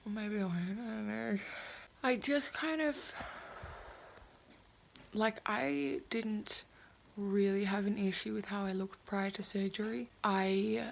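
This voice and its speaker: Creaky-voiced young woman with a sore jaw. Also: mid-range voice, steady tone, slow pace, long pauses, a little hiss or hum, poor audio. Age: 20s. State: recovering from jaw surgery, sore puffy mouth with slightly impeded speech. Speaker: vlogger. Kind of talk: casual reflective video diary.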